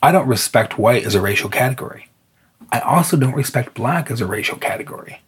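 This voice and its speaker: A man's voice: medium pitch, lively intonation, a little fast, husky. A man from northern Michigan co-hosting a podcast, talking things through in long, thoughtful, hesitant sentences. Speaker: podcast co-host. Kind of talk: casual discussion.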